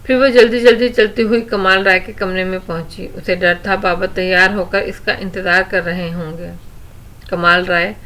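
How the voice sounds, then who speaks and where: A woman narrates a romantic novel audiobook-style, with a bright, clear tone. Her reading is smooth and expressive, at an average pitch.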